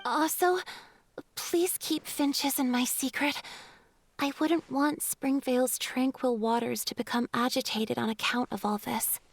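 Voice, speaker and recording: A woman voicing a gentle, shy water spirit in a video game, speaking softly and hesitantly. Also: high voice, steady tone, measured pace, no room sound. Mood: resolved. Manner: soft, hesitant, breathy at times.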